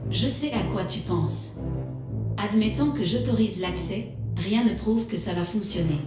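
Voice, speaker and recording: A woman voicing a calm, formal female ship computer AI that politely refuses and confirms commands. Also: medium pitch, measured pace, music in the background. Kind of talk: film drama dialogue. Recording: echoey, under loud film score.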